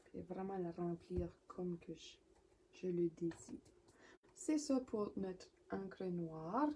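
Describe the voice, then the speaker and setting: A woman with a Québécois French accent talks through a card-making tutorial at an unhurried pace, thinking aloud as she works. Her delivery is chatty, sometimes falling to a soft murmur. Steady clicks and handling noise from the craft table sit clearly under her voice. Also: lowish voice.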